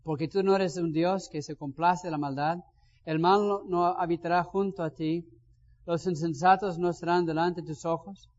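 A man preaching a sermon as a pastor, swinging between loud bursts and soft asides. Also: on the high side, fairly even intonation, moderate pace. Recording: dull sound with long reverb.

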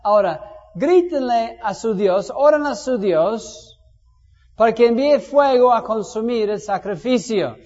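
Man as a bold older prophet, commanding tone, high voice, hall echo, dull recording. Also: animated, a little slow, darkish tone. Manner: challenging, commanding. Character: stern bold old male prophet. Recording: dull sound in long reverb.

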